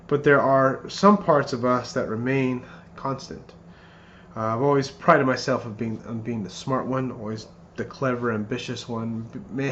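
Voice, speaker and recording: Male, 30s, mid-pitched, earnest best man rehearsing a wedding toast; dull lo-fi sound with background noise. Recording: muffled lo-fi, clear background noise.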